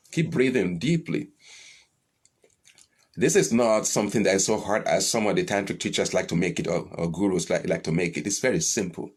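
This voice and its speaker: A man delivers a live-streamed spiritual teaching and answers questions as they come in. He is blunt and animated, swears freely, and his voice leaps upward whenever he stresses a point. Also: fairly low pitch, slightly rough.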